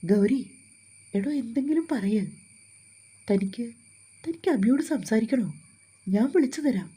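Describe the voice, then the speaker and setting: A woman voicing a gentle young man who talks softly and apologetically to a friend, in a storybook reading. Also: a little high, animated, measured pace, slightly rough. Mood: worried. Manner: soft, consoling and apologetic.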